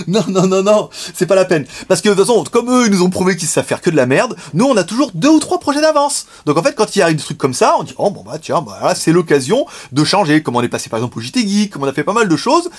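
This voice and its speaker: A man talking straight to the camera in a casual update, frank and slangy, chuckling often. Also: high voice. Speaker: vlogger and shop owner. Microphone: camera facing speaker.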